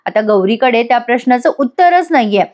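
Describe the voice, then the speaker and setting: Woman, Marathi accent, casual voice-over recap narrator, fairly high voice, retells scenes plainly. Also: lively intonation, brisk, a little mellow. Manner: retells scenes and acts out the characters' quoted lines.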